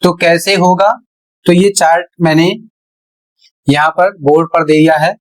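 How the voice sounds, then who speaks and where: A male teacher explaining pronunciation rules at a board in a deliberate way, repeating each step. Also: on the high side, steady tone, poor audio. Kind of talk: slow classroom explanation at a board.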